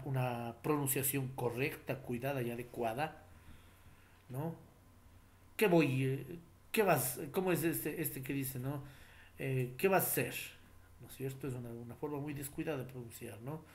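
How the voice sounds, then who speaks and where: A middle-aged man lecturing like a teacher, his voice sitting at an ordinary middle pitch. He explains patiently and formally, stopping again and again to check in with tag questions. Fillers and small restarts run through his talk. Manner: explanatory, addresses listener formally. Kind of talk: classroom lecture.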